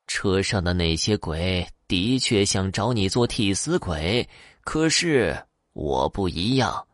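A menacing old ghost woman, voiced by a male storyteller, who swings from shrill shouted threats to slow, low, wheedling murmurs. The delivery moves widely in pitch and stays close and dry. It suits a spooky storybook reading. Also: lively intonation, no echo. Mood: gentle. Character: old woman ghost on a night bus, fierce then kindly.

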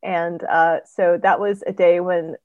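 Chatty animated woman guest. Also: lowish voice, dry recording, lo-fi sound. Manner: animated storyteller, quick asides, frequent ums. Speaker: author guest. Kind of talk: casual interview chat.

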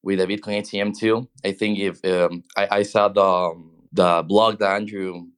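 A man speaking as a guest in a casual interview, halting, repeating words and tagging "right?" onto his points. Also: low-pitched, steady tone, a bit bright, clear, resonant tone.

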